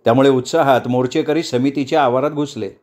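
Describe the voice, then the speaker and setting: A man narrating a novel as an audiobook, with dramatic, lively storytelling. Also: mid-range voice, quick pace.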